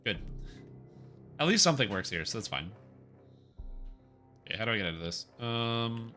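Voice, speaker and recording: A man talks into a headset mic on a live stream, his voice very bright and sharp-edged. He chats loosely with his viewers while he plays, and game music sits faintly underneath. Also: mid-range voice, animated, moderate pace. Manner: chatty, thanking viewers by name of the stream. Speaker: livestreamer. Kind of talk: casual gameplay commentary.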